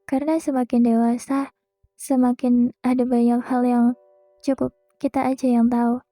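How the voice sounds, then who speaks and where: A young woman hosting a podcast, speaking a gentle, reassuring monologue straight to the listener. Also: fairly high pitch, little pitch movement, moderate pace, no echo, soft background music. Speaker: podcast host. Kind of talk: soft comforting monologue.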